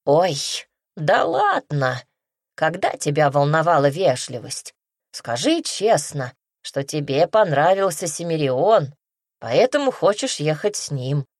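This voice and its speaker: A woman's voice: low voice, sing-song, slow pace, no room sound, clean studio sound, exaggerated voice. A woman voicing a sulky, lovesick young heroine in an audiobook.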